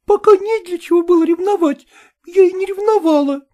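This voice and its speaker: A man's voice: extremely high pitch, brisk, dark tone, pitched above the performer's own voice. A man voicing a jealous, tearful woman who presses her lover with reproachful questions, reading an audiobook.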